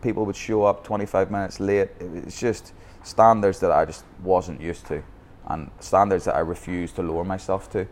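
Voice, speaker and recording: This Northern Irish man founded a youth football academy and is recounting his coaching journey for a podcast interview in Bangkok, candid and full of restarts. His voice is low and darkish, his intonation fairly even, and his pace moderate with hardly any pauses. A little hiss or hum sits under the recording.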